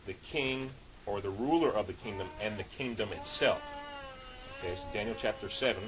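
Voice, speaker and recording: Reading from the Bible and unpacking it informally, a male street preacher talks a little fast in a fairly low voice. Hiss runs through the recording.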